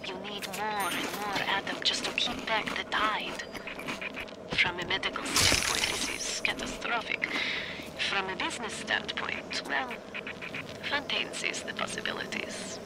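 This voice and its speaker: An actor voicing a scientist's audio diary in a video game, breathy and half-whispered, with a clinical, measured manner. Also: mid-range voice, very noisy, close to an everyday voice. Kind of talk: game audio log narration.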